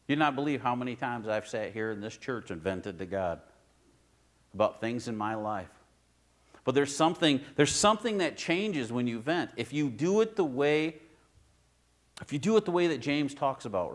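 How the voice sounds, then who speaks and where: Speaking at a medium pitch, this pastor delivers a sermon in his church. He talks conversationally, alternating loud, emphatic moments with hushed asides.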